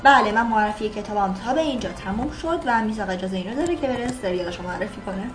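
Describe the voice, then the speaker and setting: A woman's voice: mid-range voice, expressive. Bossy woman radio host, echoey with music. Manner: bossy, needling. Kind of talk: casual radio banter. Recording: roomy echo with music behind.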